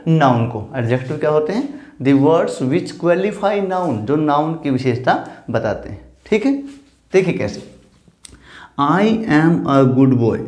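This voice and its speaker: Giving a grammar lesson in an echoey room, a male English teacher with a somewhat high, slightly mellow voice spells out words letter by letter. He often checks in with "theek hai".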